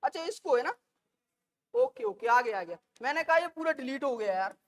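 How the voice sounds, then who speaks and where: A woman teacher lectures her class, slowly repeating and dictating key terms and affectionately calling the students "beta" and "bachche." Her voice sits high, with big swings in pitch.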